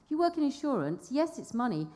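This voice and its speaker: A woman from the insurance field speaking on a conference panel, earnest and halting, with frequent restarts. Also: high-pitched, sing-song, mellow.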